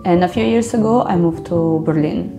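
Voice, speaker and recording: A woman from Ukraine who grew up in Italy, speaking as she calmly explains her home as an interior decorator. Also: on the low side, moderate pace, vocal fry, over music. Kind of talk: home tour narration.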